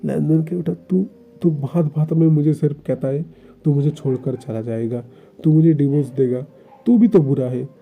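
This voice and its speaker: A man's voice: a little high, moderate pace, vocal fry, narrow, tinny audio. Lan Zhan, a man voicing a possessive jealous young lover. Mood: pleading. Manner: stammering, pleading and reproachful.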